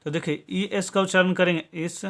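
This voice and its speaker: This English lesson comes from a man from Bihar, India, whose high-sitting voice keeps a steady tone at normal speed. He explains each step patiently, the way a classroom teacher would, and keeps asking "okay?" after nearly every point.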